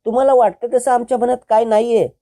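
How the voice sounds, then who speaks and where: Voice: medium pitch, level tone, quick pace, dark tone, pitched above the performer's own voice, lightly acted. Brief: villain's wife in a retold serial, nagging and pleading, storyteller voicing her. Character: scheming woman, villain's accomplice.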